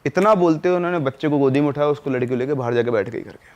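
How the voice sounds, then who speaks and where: A man's voice: medium pitch, rapid-fire, a little mellow, highs cut off. A man narrating a spooky story in a conversational podcast style, with dramatic asides to the listener. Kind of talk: casual spoken horror storytelling.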